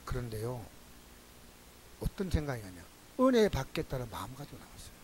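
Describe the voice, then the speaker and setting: In a brisk, mid-range voice, a pastor delivers a sermon in Gyeongsang-accented Korean, spinning folksy, animated stories for the congregation. There's a bit of background noise.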